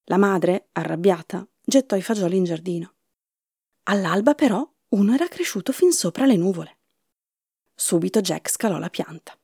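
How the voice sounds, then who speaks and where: Expressive woman reading a fairy tale. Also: mid-range voice, moderate pace, creaky, breathy edge, no room sound, clean studio sound. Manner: expressive storybook narration. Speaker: storyteller.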